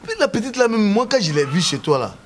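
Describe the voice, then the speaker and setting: A high-voiced scheming friend. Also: male voice, very animated, fast, slight background noise. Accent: Ivorian French. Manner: conspiratorial advising. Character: scheming male friend, blunt. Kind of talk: TV drama acting.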